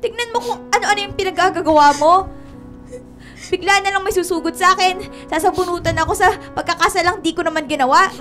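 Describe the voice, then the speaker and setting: A woman's voice: very high-pitched, a little fast, fairly bright tone, faint music behind. An actress playing a wronged, indignant young woman in a radio drama, tearful and accusatory, with a Filipino accent. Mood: hurt, accusing.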